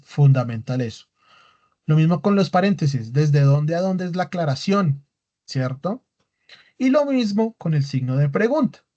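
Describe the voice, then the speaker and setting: A man's voice: on the high side, dark tone. Lecturing man with frequent check-in questions. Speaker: teacher. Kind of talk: recorded online class lecture. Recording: dull lo-fi class recording.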